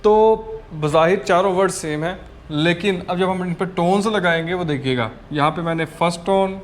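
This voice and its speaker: A man's voice: sits high, normal speed, slight background noise. A man teaching a language lesson in a patient, explanatory way, often checking in with "okay" and sounding out examples.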